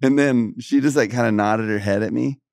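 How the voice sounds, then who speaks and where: A man co-hosting a casual faith podcast, animated and joking, laughing often as he tells stories. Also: medium pitch, fairly quick, creaky, no echo, clean studio sound. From Texas. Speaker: podcast co-host. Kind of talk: casual gospel podcast chat.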